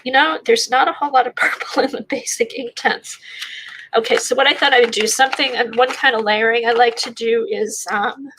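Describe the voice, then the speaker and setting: A woman with a congested, stuffy voice from a sinus infection hosts an art livestream, demonstrating a craft technique and rambling as she thinks aloud. Her voice is a little high, bright, and steady, her pace slightly fast. The audio is poor, with slight background noise.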